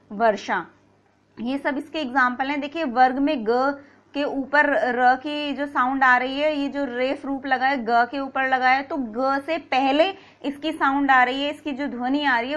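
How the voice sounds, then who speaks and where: A woman's voice: high-pitched, a bit bright, dull audio. A woman teaching a grammar lesson, patiently explaining, asking and answering her own questions, and repeating key points.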